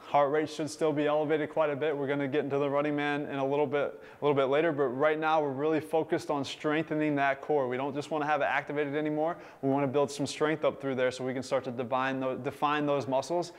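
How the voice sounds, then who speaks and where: A man's voice: a little high, flat delivery, fast, few pauses. Upbeat man coaching a workout. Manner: upbeat, encouraging, counting down time. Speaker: fitness instructor.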